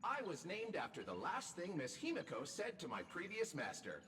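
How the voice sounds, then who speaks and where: A man's voice: high voice, wildly swooping pitch, normal speed, bright, forceful tone, long reverb tail, exaggerated voice. A man voicing a polite robot drink-serving attendant in a game, courteous and formal with a dry wit. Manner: courteous, formal, dryly witty. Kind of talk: game character dialogue.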